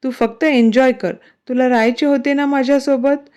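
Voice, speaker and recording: A woman voicing a protective, playful young husband in a storybook romance, reassuring and teasing in a mellow voice. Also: high-pitched, steady tone, moderate pace, close to an everyday voice. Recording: dull, lo-fi recording.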